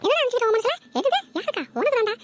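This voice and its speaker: Cartoon mom, bossy and scolding, very high and rushed, woman voicing her. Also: expressive, very noisy. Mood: angry. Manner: domineering, quick and scolding. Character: bossy middle-aged mother arranging son's wedding.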